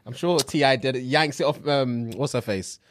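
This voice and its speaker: A man's voice: medium pitch, normal speed, dry recording. A man with a London roadman accent and street slang, hosting a casual chat and reading out short confessions. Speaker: podcast host.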